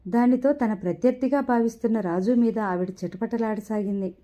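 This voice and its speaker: A woman reading a novel aloud in steady storytelling narration. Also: on the high side, normal speed. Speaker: audiobook narrator. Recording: dull lo-fi recording.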